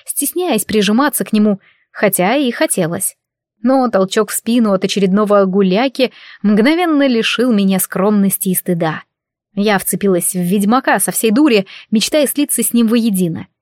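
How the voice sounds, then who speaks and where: A woman narrating a novel in the first person, with steady, engaged storytelling. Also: medium pitch, no echo, studio quality. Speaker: audiobook narrator.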